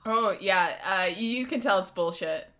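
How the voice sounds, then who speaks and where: A woman's voice: mid-range voice, moderate pace, fairly bright tone, slight background noise. A woman running a tabletop game as game master, easygoing and hesitant with plenty of fillers.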